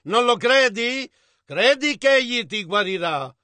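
A man with a very high, bright voice reads a sermon's dubbing in a measured, even way. The sound is close-miked and dry, with no room around it. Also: dry recording. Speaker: interpreter voice-over.

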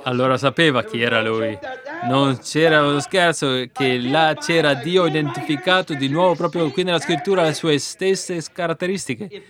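A man's voice: on the high side, moderate pace, a crowd in the background. A man preaching a sermon, retelling biblical scenes and acting out the dialogue.

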